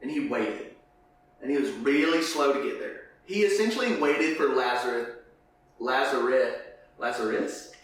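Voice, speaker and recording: A podcast host with a lisp and whistling s sounds chats casually and jokily about faith, his voice fairly high and his pace moderate. He is animated and keeps acting out imagined lines of dialogue. The room is echoey, the mic distant, and there is faint noise.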